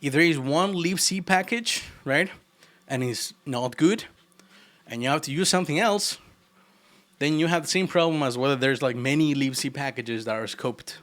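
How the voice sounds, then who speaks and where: A programming streamer from Argentina keeps things light with his live chat, teasing and laughing a lot as he codes in his Argentine Spanish accent. His voice is a little high and a bit bright, at a moderate pace.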